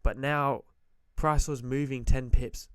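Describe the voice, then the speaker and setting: Speaking slowly in a medium-pitched, fairly even voice, a man gives trading advice to camera, hammering his main points again and again in a direct, emphatic style. A cold leaves him a bit hoarse and he keeps clearing his throat, yet the tone underneath is smooth. The recording is close and dry.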